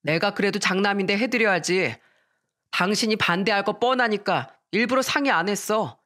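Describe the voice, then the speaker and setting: A woman's voice: mid-range voice, normal speed, a bit bright, close to an everyday voice. A woman voicing a smug, careless husband who brushes off his wife in a dramatized story reading. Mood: dismissive. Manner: dismissive, self-justifying.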